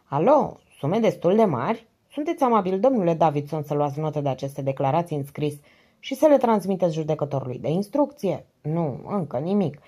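A woman's voice: sits low, expressive, warm tone. A woman reading the lines of a stern middle-aged male police commissioner in an audiobook, curt and businesslike on the phone. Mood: brisk.

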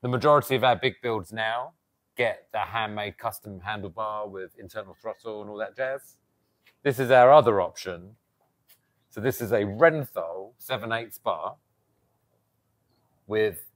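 An animated man in his thirties walks through a custom bike's parts in casual show-and-tell. He speaks outdoors beside a garage door, picked up on a clip-on mic. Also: lowish voice, a little slow, long pauses. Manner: animated, explains with hand gestures. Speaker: custom motorcycle builder. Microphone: lapel mic.

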